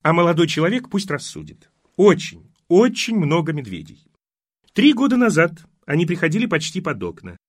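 A man's voice: very animated, moderate pace, no room sound, clean studio sound. A man putting on a fluttery fussy old mother. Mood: fussing. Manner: rambling, emphatic, high-pitched fluttery. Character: fussy chattering elderly mother, scatterbrained. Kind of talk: audiobook character voice.

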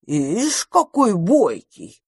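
A woman voicing a cheeky, greedy female magpie who taunts in a sly, drawn-out way. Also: fairly low pitch, very animated, no echo, studio quality. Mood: mocking.

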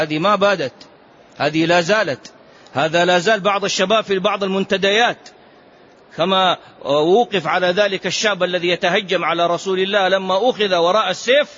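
A man's voice: high-pitched, a bit bright, slight background noise. A man teaching as a sheikh in a religious lesson, speaking with passion and firing off rhetorical questions. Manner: impassioned, fires rhetorical questions. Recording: muffled lo-fi lecture recording.

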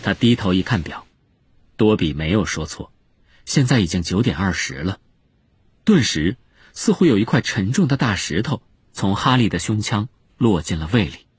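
A man narrating a storybook in a lively, expressive way. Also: on the low side, normal speed, husky, no echo. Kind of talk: storybook reading.

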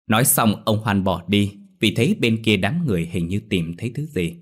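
A man narrating a ghost story in a lively, expressive storybook manner. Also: on the low side, moderate pace.

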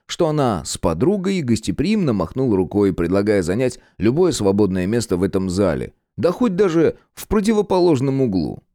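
A man narrating an audiobook in the first person, wry and expressive. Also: lowish voice, no echo, clean studio sound.

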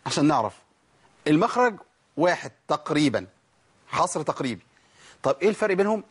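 Fast-talking Egyptian man teaching recitation. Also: on the high side, sing-song, breathy edge. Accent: Egyptian Arabic. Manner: quizzes listeners, answers his own questions, demonstrates letter sounds. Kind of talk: recorded tajweed lesson.

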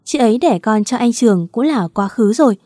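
A woman's voice: fairly high pitch, lively intonation, brisk, warm tone, no echo, studio quality. A woman doing an indignant snapping young sister-in-law. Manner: snapping and accusatory.

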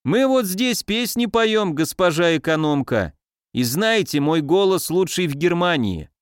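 An excitable, moody drunk young man who cries one moment and exclaims the next, as a male reader puts him on. His lines leap high and lively, recorded close and dry. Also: a little slow, clear, resonant tone, dry recording. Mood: drunk elated.

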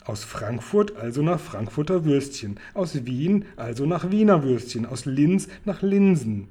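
A man's voice: on the high side, sing-song, a little slow, warm tone, slightly rough, exaggerated voice. A man voicing a clever little girl who answers dryly and patiently while reading a storybook aloud. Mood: knowing. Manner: dry, patient, slightly weary.

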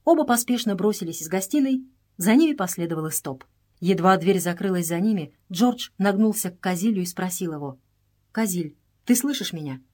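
A woman reading an adventure novel aloud in steady, measured scripted narration. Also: mid-range voice. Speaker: audiobook narrator.

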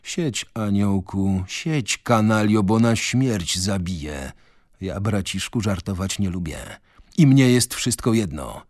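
A man voicing a calm, menacing strongman. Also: lowish voice, no echo, studio quality. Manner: slow, quiet threats.

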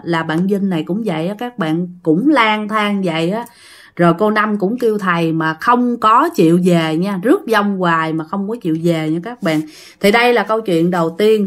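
A woman's voice: mid-range voice, fairly bright tone. A woman tells ghost stories in a casual, chatty way, often turning to speak to her listeners directly. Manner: chatty, addresses listeners often, many fillers. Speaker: storyteller. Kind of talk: casual ghost story retelling.

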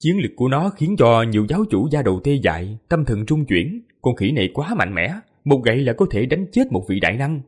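A man's voice: medium pitch, big pitch swings, fairly quick, few pauses, husky. A man narrating a fantasy martial epic as an audiobook, vivid and emphatic. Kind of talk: dramatic fantasy novel narration.

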